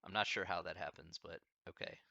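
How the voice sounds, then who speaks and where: A math professor with a Midwestern American accent talks through student questions in an easygoing, chatty way. His voice is bright and forward. The audio is dry and dull, like a lo-fi stream. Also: sits low, steady tone, fairly quick, creaky, no room sound. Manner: chatty, easygoing, thinks aloud. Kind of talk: casual live Q&A with students.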